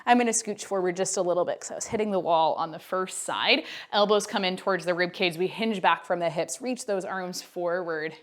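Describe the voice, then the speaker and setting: A woman's voice: fairly low pitch, fairly quick, few pauses. A woman in her twenties teaching a home Pilates class, counting down reps with chatty, encouraging asides and a little out of breath. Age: 20s. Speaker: Pilates instructor. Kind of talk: workout class instruction. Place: indoors at home. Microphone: wearing a mic.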